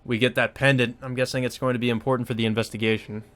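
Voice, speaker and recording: This let's play host has a medium-pitched, fairly bright voice with a flat delivery, and he races through the text. He reads visual novel narration with informal, sometimes profane comments as game music plays behind him.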